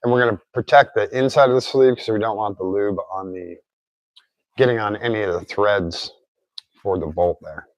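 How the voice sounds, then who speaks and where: A man's voice: lowish voice, normal speed, no room sound, lo-fi sound. A man giving a casual hands-on repair tutorial, thinking aloud as he works, his articulation slightly off after recent oral surgery. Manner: informal, thinking aloud while working. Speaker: DIY car repair presenter.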